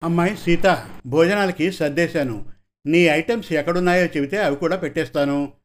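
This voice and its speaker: A man's voice: a little high, moderate pace, lightly acted. Chatty old mother, coaxing, fussy, storybook voice, done by a man. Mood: fussing. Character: elderly mother, fussing, caring, talkative.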